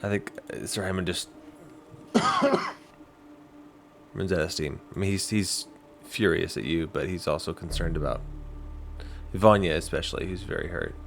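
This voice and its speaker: A man playing a tabletop game, talking through his character's actions and breaking into shouted in-character lines. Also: deep voice, normal speed, creaky, pauses often, a little hiss or hum. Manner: animated, bursts into shouted in-character yelling. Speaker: player.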